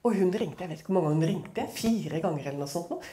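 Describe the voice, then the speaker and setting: A woman's voice: lowish voice, animated, warm tone. A woman speaking at a church, telling a personal testimony as a dramatic, chatty story full of conversational fillers.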